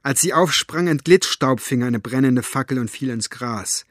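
Husky male storybook narrator. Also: mid-range voice, normal speed, no echo, studio quality. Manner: expressive, dramatic reading. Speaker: audiobook narrator.

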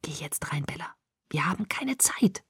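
An urgent young male vampire from a storybook reading, speaking low and hushed, put on by a woman narrator. The voice sits below her usual register and often sinks to a tense whisper. The audiobook sound is dry and close. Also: huge pitch swings, normal speed, no room sound, exaggerated voice. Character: agitated, threatened, gruff young male vampire.

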